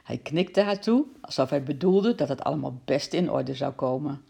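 A woman reading a children's book aloud in a steady, warm storytelling manner. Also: low voice, moderate pace, gravelly, breathy edge.

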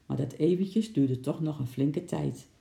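A narrator reading a children's storybook aloud in a calm storytelling manner, with a roomy echo. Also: mid-range voice, measured pace, creaky.

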